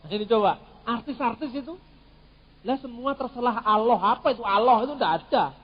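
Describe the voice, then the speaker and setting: A middle-aged man with a fairly high voice, teaching theology in a lively, joking way. His words carry the long echo of a hall, and the recording sounds a little dull. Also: brisk, husky. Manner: animated, jokey, mixes in Javanese words. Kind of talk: lively teaching talk with humor.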